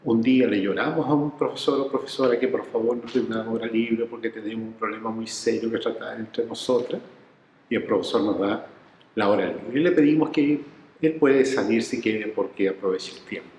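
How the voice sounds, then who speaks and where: A man's voice: on the low side, fairly quick, reverberant, big-room sound, a little hiss or hum, low-quality recording. A man, telling his research stories in an interview and acting out the people he quotes. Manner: animated storyteller who acts out quoted voices. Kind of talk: reflective storytelling interview.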